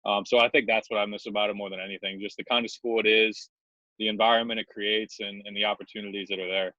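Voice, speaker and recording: Fast-talking, bright-voiced enthusiastic man. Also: fairly low pitch, level tone, dry recording, highs cut off. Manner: enthusiastic, earnest. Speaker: former assistant baseball coach. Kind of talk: casual video-call interview. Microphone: video call.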